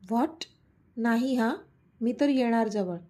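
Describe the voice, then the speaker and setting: A woman's voice: a little high, measured pace, dark tone. A woman reading as a teasing young man in love. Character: playful teasing young man, romantic lead.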